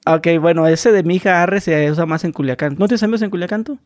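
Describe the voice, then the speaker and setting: A man's voice: sits high, fast talker, darkish tone, dry recording, clean studio sound. A man with a Mexican accent interviewing a guest in a playful, slangy, laughing way. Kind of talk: casual interview chat.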